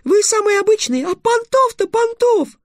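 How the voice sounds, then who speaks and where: A man voicing a tiny, hot-tempered female fairy in a very high, shrill voice. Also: animated, moderate pace, no room sound, studio quality. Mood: ranting.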